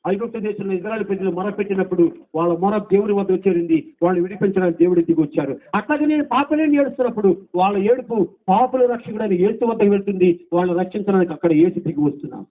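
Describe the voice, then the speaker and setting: A man with a very high voice preaches a gospel sermon at a revival meeting. He repeats his phrases, asks rhetorical questions and calls out hallelujah, swinging between loud and soft. The recording sounds thin and tinny, like a phone line. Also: fast talker.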